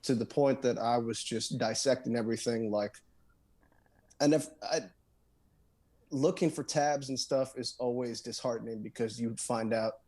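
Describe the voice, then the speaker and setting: A man's voice: medium pitch, fairly even intonation, normal speed, dark tone. A man guesting on a podcast, talking in a loose, rambling way with lots of fillers, restarts and "dude". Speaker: guest guitarist and songwriter. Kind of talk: casual podcast conversation.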